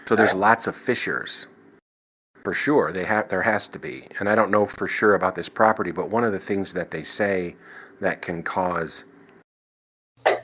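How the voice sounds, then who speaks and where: A man's voice: low-pitched, normal speed, a bit bright, breathy edge, low-quality recording. A man guest on a podcast, casually recounting his paranormal experiences in a rambling way, restarting sentences and chuckling now and then. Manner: rambling, frequent restarts and "you know".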